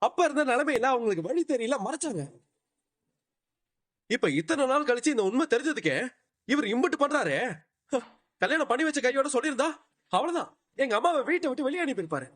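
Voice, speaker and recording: A young man confronts his elder with indignant heat. His high voice swings widely as he argues. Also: big pitch swings, fairly quick, long pauses, a bit bright, full character voice. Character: angry young husband defending his mother.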